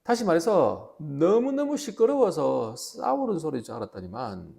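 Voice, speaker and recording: A male pastor with a Gyeongsang Korean accent, preaching a sermon with emphatic, animated storytelling. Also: on the high side, moderate pace, creaky. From Gyeongsang region, South Korea.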